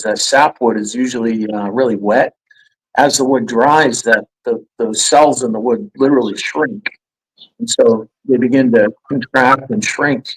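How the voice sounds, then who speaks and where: A man who carves with a chainsaw, explaining his craft in a casual, halting way on a live stream. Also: medium pitch, husky, rough recording. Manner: hesitant, many restarts and fillers.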